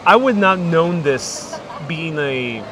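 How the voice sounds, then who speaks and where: A man's voice: on the high side, animated, takes it slowly. A man with a mixed accent, a native Spanish speaker, hosting a casual livestream outdoors. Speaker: livestream host. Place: outdoors, evening streets and harbor. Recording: noisy outdoor street ambience.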